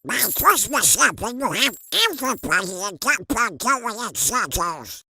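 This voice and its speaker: A woman's voice: medium pitch, sing-song, a little slow, bright, forceful tone, a little hiss or hum, full character voice. A woman voicing a put-upon male duck uncle in a cartoon comic dub. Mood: weary, grumbling. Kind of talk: comic book fan dub.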